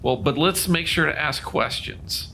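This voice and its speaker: A man's voice: fairly high pitch, measured pace, bright, forceful tone, slight background noise. A man playing a tabletop game, casually discussing plans in a questioning, hesitant way.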